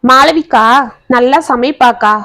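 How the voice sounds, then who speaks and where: A kind aunt calms everyone in a soothing voice, as a woman storyteller plays her. It is high-pitched and dry. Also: takes it slowly, no room sound, full character voice.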